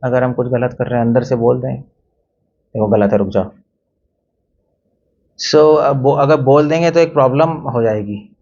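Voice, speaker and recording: A temple speaker gives a conversational devotional talk, sprinkling in English phrases and putting questions to his listeners. His mid-range voice is brisk, gravelly, and darkish, captured on a dull lo-fi recording.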